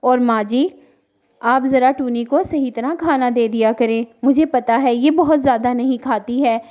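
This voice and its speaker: A dutiful male sparrow husband from an animated storybook cartoon, as a woman narrator plays him. He speaks in a calm, respectful, soothing way. The voice is high and mellow. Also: normal speed, natural voice.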